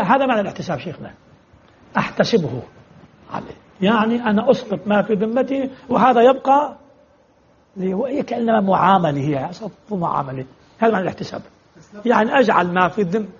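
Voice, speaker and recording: Husky, fast-talking male religious law teacher. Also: high-pitched, dull audio. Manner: explains with repeated examples and rhetorical questions. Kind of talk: jurisprudence lecture answering students.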